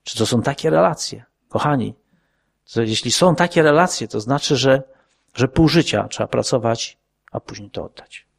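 With a gravelly, breathy-edged voice at normal speed, a male preacher delivers a sincere sermon to his congregation. He asks rhetorical questions and drops low whenever he quotes.

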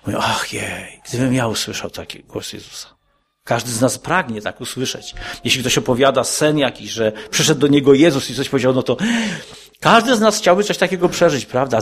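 A man preaching a sermon to a congregation, asking them questions and rising to emphatic high peaks. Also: moderate pace.

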